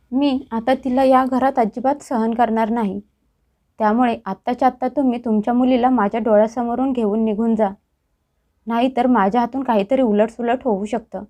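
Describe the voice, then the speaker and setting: A woman's voice: fairly high pitch, natural voice. Woman voicing a furious scolding mother-in-law. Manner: scolding, shouting. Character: angry domineering middle-aged mother-in-law.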